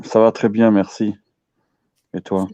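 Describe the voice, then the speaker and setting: Male radio show caller, 30s, lowish pitch, casual and halting delivery, dull close dry sound. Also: flat delivery, mellow, no echo. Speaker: caller on an open-line internet radio show. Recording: dull lo-fi call audio.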